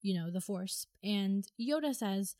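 A woman's voice: medium pitch, animated, a little slow, warm tone, no room sound, clean studio sound. A young woman co-hosting a casual fan podcast, rambling with lots of fillers and restarts. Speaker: podcast co-host.

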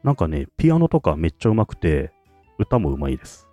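A man's voice: extremely low pitch, very animated, fast talker, mellow, no room sound, faint music behind. A man co-hosting a casual podcast chat, talking enthusiastically and laughing often. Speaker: podcast co-host.

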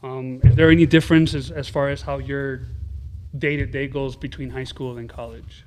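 A man's voice: mid-range voice, normal speed, a little hiss or hum. A man hosting a casual college sports podcast, asking loose, rambling questions with many fillers. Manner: relaxed, filler-heavy questions. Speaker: podcast host. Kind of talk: casual interview chat.

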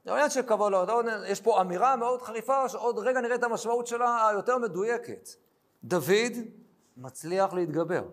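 Man, Bible teacher, animated lesson, high voice, direct address.

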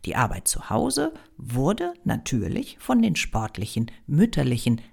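A woman's voice: very deep voice, wildly swooping pitch, measured pace, creaky, dark tone, husky. A woman explaining history as a podcast host, with wry, ironic emphasis.

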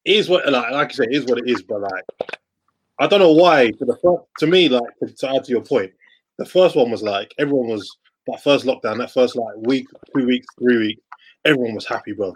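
A young man with an urban London roadman accent, hosting a casual podcast in an animated, slangy way. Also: medium pitch, brisk, a little hiss or hum, poor audio. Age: young adult. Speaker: podcast host. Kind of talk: casual group banter and hosting. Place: indoors at home, on a laptop video call.

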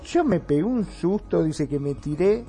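Guest, woman, animated storyteller, gravelly voice, faint music underneath. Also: lowish voice, moderate pace. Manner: animated anecdote teller, shouts out quoted lines. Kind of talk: casual storytelling.

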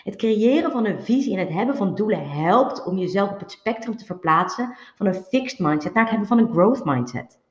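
A woman's voice: medium pitch, darkish tone. A woman delivering an earnest, coaching motivational monologue, sprinkling in English buzzwords. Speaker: self-development speaker. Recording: roomy, slightly dull recording.

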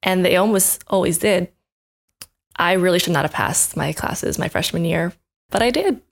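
A young woman in her twenties shares a personal story in a relaxed faith conversation. She is an animated storyteller who laughs often and acts out what people said. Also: on the low side, normal speed, creaky. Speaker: guest sharing testimony. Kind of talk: casual faith chat.

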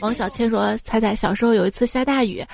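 A woman's voice: fairly high pitch, fast, vocal fry, over music. A woman hosting a podcast, reading out funny listener stories in a playful way and laughing at her own material. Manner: acts out the quoted parents. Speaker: podcast host.

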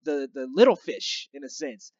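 A man hosting a casual movie review chat, with a relaxed, laid-back delivery. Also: a little high, moderate pace, no room sound, highs cut off. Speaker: film review show host.

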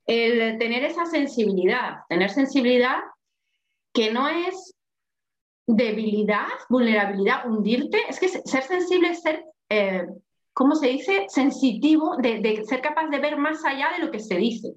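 Woman, strong voice, expressive chat, dull lo-fi roomy recording. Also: high-pitched, a little slow. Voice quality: strong, loud voice. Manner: expressive, thinking aloud with restarts. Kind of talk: casual group discussion. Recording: echoey, dull lo-fi sound.

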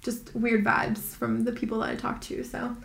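A laid-back young woman co-hosting a podcast, with a slightly high voice. She chats casually and laughs easily, and the sound has an echoey, roomy ring. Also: monotone, moderate pace, creaky. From Hawaii. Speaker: podcast co-host. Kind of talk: casual chat.

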